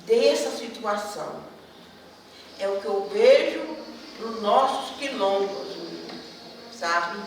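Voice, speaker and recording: A woman's voice: medium pitch, slow pace, pauses often. Chatty Brazilian woman, echoey hall. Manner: chatty, animated storytelling with frequent tag questions. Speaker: community speaker. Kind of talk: storytelling at a public event. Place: event hall. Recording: echoey hall with background noise, from far off.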